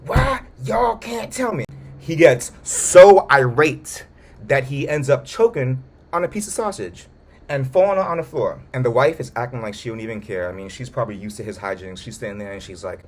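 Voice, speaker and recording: A man's voice: medium pitch, fast. A man recapping and reviewing a show in a casual, colloquial way with joking asides.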